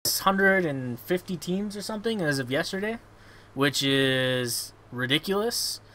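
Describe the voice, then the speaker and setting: A man's voice: on the high side, animated, a little slow, pushed and bright. A man hosting a casual gaming podcast, blunt and sweary, often repeating words as he goes. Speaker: show host.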